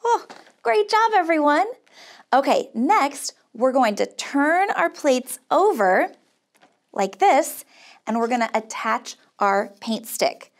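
Taking things slowly, with big swings in pitch, a high-voiced American woman leads young children through a craft on a small indoor studio set. Upbeat and encouraging in a camp-counselor way, she keeps every step simple and praises them in a sing-song.

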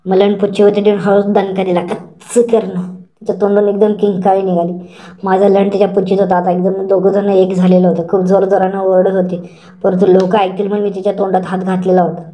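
Woman narrator for an adult story: even, flat delivery, slow, repeats words. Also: mid-range voice. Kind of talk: first-person erotic story narration.

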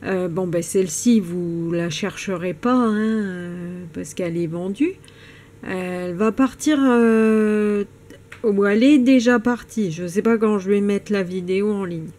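A woman's voice: mid-range voice, fairly even intonation, measured pace, warm tone. A woman presenting stones in a casual vlog, hesitant and stumbling, with many fillers and restarts. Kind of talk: casual show-and-tell vlog.

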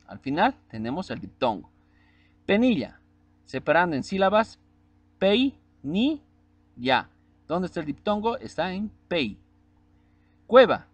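Lively male teacher spelling out syllables. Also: sits high, dry recording. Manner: spells out syllables and vowels slowly, asks checking questions. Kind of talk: spelling lesson.

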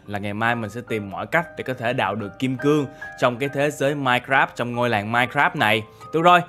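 A man's voice: medium pitch, a bit bright. A young man, narrating a game story in a chatty, exclaiming way. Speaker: gaming YouTuber. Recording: faint background music.

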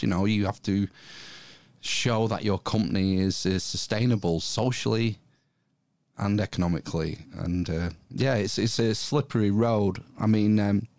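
A man's voice: low-pitched, a little mellow, no room sound. A man hosting a podcast, asking his guest questions in an easygoing, casual way. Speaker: podcast host. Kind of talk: casual interview conversation.

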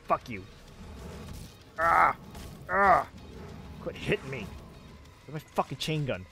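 A man's voice: medium pitch, very animated, moderate pace, bright, forceful tone, faint music behind. A man streaming a game, chatting casually and reacting with curses and laughs. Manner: swears and laughs while reacting. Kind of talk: casual gameplay commentary. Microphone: headset with closed headphones.

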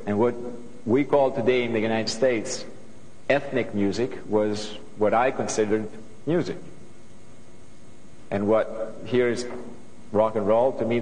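A man's voice: on the low side, a little mellow, a little hiss or hum. Greek-accented man speaking in a hall. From Greece. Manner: earnest, thoughtful, with frequent restarts. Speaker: guest composer. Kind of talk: talk to a student audience. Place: television studio stage before an audience. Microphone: lapel mic.

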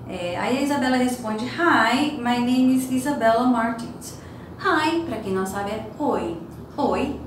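Patient Brazilian woman English teacher. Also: mid-range voice. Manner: patient explaining, repeats phrases and translates them. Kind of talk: recorded English lesson. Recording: very echoey room with faint noise.

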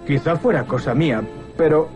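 A man's voice: fairly high pitch, fairly quick, muffled recording, natural voice. An actor playing a simple, good-hearted, earnest man with a naive, plain-spoken manner in a dubbed film. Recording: film trailer with loud music.

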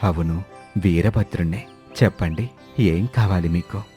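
A grave, sorrowful old herbal healer from a cartoon storybook, voiced by a male narrator. He talks low and slow, as if weighed down. Faint music plays behind him. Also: dark tone. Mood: gloomy.

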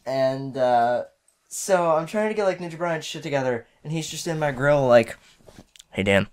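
A man's voice: on the high side, animated, normal speed, lightly acted. A man doing an impression voice of a laid-back gaming-show host, telling a casual, rambling anecdote. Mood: relaxed, exasperated.

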